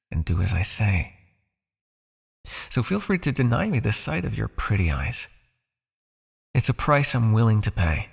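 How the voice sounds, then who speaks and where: A man voices a possessive, teasing vampire captor in an intimate ASMR hypnosis roleplay, speaking softly, coaxingly and commandingly. His voice is on the low side, creaky and husky, and he fully commits to the character voice.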